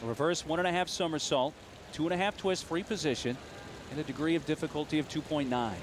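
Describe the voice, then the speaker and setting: A man working as a diving announcer, formally calling dives and scores in measured, clipped phrases. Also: a little high, noisy background. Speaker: diving meet announcer and commentator.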